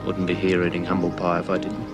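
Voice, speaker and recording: An actor playing a blunt, proud older Australian man in a television soap, speaking plainly and haltingly. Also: low voice, completely flat delivery, close to an everyday voice. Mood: apologetic. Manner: halting, gruff, plain-spoken. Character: blunt, stubborn, proud but good-hearted older bloke. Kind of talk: television soap drama acting. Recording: TV soundtrack with music underneath.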